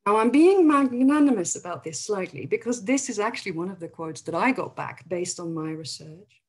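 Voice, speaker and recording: A woman's voice: medium pitch, expressive, normal speed, husky, poor audio. A woman from the Netherlands with a Dutch accent, giving a thoughtful webinar presentation with frequent fillers over a video call. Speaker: academic presenter.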